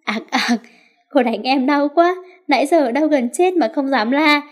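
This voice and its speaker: A woman's voice: high voice, measured pace, voice pushed up. A woman voicing a young student who groans and complains of pain, reading from a storybook. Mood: whiny. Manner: whiny complaining.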